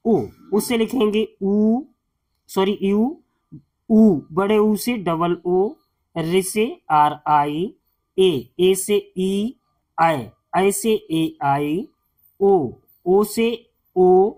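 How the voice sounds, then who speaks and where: In a slow, classroom-style lesson, a high-voiced man tutors patiently, repeating each sound and spelling things out step by step.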